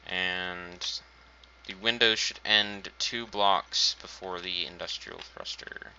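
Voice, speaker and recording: A man's voice: low voice, fairly even intonation, slow, bright, forceful tone, a little hiss or hum. A man casually commenting on his own gameplay, thinking aloud while building and making dry, self-mocking asides. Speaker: gaming channel host. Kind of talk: casual let's-play commentary. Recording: dull lo-fi home recording.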